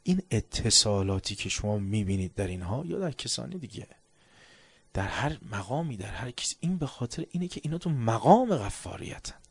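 A man preaching a sermon, telling a story and dropping to a low, hushed tone on reflective passages. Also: sing-song, vocal fry, breathy edge.

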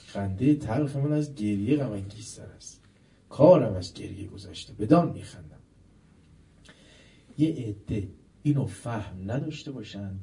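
A man giving a religious sermon, putting rhetorical questions to his listeners and swinging between loud emphasis and quiet asides. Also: fairly low pitch, recorded from a distance, low-quality recording. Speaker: preacher.

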